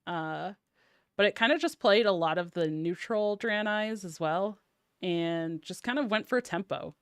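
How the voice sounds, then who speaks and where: Smooth-voiced woman chatting casually. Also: mid-range voice, measured pace, no echo, studio quality. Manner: chatty, many ums and likes. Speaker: podcast guest. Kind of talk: casual card game discussion.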